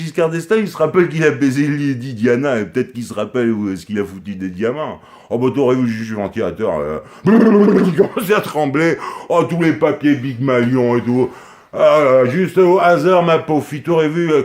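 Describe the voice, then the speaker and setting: A man's voice: medium pitch, darkish tone. A man in a rambling comic monologue, telling crude jokes in a confiding way as he records a video message to his daughter. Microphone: handheld camera close up.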